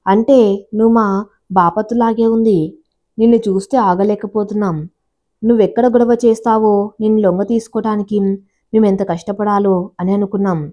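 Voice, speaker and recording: Pushy, impatient young men, a woman narrator voicing them in a storybook, mellow tone. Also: medium pitch, fairly even intonation, a little fast, muffled recording, natural voice. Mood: eager.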